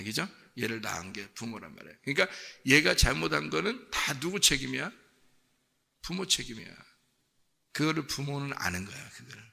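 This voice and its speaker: Male pastor, gravelly voice, conversational sermon full of rhetorical questions, long reverb of a church hall. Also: mid-range voice, sharp tone. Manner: peppers talk with rhetorical questions to the congregation; acts out quoted parents' scolding lines. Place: church sanctuary.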